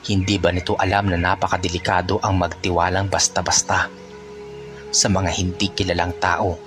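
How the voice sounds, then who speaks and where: A man narrating a folk tale in a steady, unhurried storytelling manner. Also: deep voice, music in the background.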